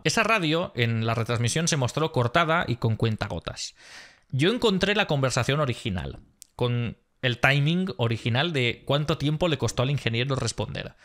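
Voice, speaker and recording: A man hosts a post-race analysis vlog. He talks in an emphatic, exasperated way, and his pitch climbs when he makes a point. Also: a bit bright. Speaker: motorsport vlogger.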